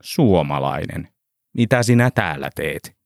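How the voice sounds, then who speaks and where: A man's voice: rumbling low, expressive, dry recording, clean studio sound. Man doing a curt, scornful gate guard. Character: gruff, hostile male gate guard.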